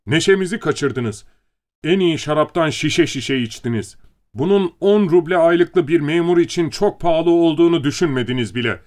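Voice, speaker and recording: A man voicing a drunk young male writer who shouts angry accusations in an audiobook. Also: fairly high pitch, pitched above the performer's own voice, close to an everyday voice.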